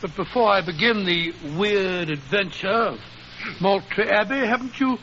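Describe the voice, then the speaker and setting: A man's voice: sits high, animated, moderate pace, pushed and bright, exaggerated voice. A man playing a genial, bumbling older English doctor in a 1940s radio drama, muttering and avuncular as he recounts old adventures. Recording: noisy, dull 1940s radio recording.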